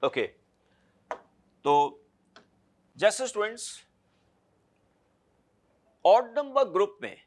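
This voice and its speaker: Man, high voice, chemistry lecture, step-by-step, deliberate on key terms. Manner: explains step by step, often checks understanding with a tag question. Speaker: chemistry teacher. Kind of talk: classroom lecture.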